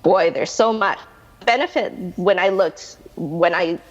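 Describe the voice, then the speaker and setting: Husky Canadian woman, chatty guest. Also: on the low side, a little slow, in a large hall, lo-fi sound. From Canada, Manitoba. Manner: chatty, rambling with many restarts and fillers. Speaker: guest, realtor. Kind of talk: interview answers.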